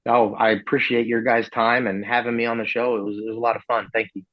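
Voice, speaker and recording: A man's voice: medium pitch, level tone, quick pace, no room sound, highs cut off. A man who promotes events, a guest chatting casually on a podcast in an easygoing, modest way. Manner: easygoing, modest, with frequent restarts.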